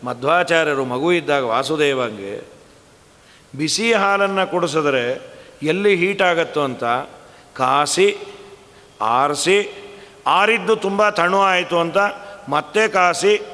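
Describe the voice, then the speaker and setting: A man telling a devotional story in conversational speech and breaking into slow, melodic chanting of verses. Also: a little high, animated, sharp tone, long reverb tail. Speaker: religious scholar and storyteller.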